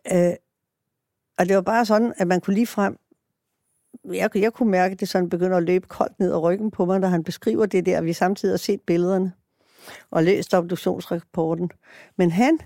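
A woman's voice: on the low side, vocal fry, warm tone, dry recording, clean studio sound. A middle-aged woman prosecutor talking earnestly and reflectively in a documentary interview, often restarting her sentences.

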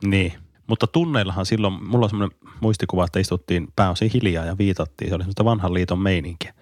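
A man's voice: sits low, darkish tone, no room sound, studio quality. A man co-hosting a casual podcast, a teacher reminiscing in a reflective way and laughing easily.

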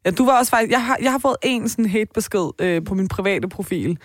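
A woman's voice: mid-range voice, dry recording, studio quality. Supportive woman podcast co-host. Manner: supportive, chimes in with frequent agreement. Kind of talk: casual podcast interview.

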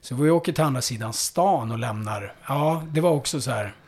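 A man who works as a police officer, recounting a hard call-out in a conversation, halting and full of fillers, dropping low and quiet at the heaviest parts. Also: animated, crowd noise. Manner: halting, with many fillers and restarts.

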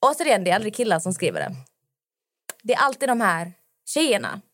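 A woman's voice: mid-range voice, wildly swooping pitch, no echo, studio quality. A young woman co-hosting a podcast, speaking frankly and emphatically in casual conversation. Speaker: podcast co-host. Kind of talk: casual chat.

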